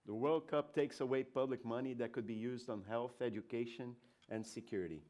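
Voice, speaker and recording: A man from Brazil with a cold and a stuffy nose, giving a conference presentation in a hesitant, polite and measured way. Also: mid-range voice, a little mellow. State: has a cold. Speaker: communications director giving a presentation. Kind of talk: prepared conference talk, spoken off the cuff.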